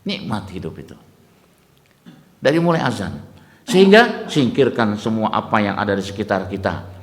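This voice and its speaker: A man giving a dawn lecture sermon, telling animated stories and often addressing the listeners as "Pak". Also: fairly low pitch, normal speed. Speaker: Islamic preacher. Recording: echoey hall with long reverb.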